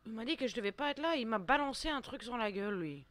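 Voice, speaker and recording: This let's play commentary comes from a young woman who creates gaming videos, talking fast in a slightly high voice with no echo. She exclaims, cracks jokes and laughs often, keeping things lively.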